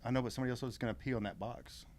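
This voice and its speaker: A man's voice: medium pitch, rapid-fire, background noise. A man from Texas in casual podcast chat, joking and laughing often. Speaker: podcast co-host.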